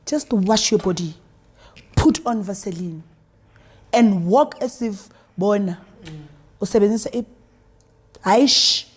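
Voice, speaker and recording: A South African woman talking in a calm, measured way during a casual group chat. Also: mid-range voice, a little hiss or hum. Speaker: guest.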